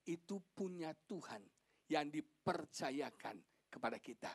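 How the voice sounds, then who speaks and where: A man preaching a sermon as pastor, animated, swinging from loud exclamations to quiet emphasis, with joking asides. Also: fairly high pitch, measured pace, vocal fry, husky.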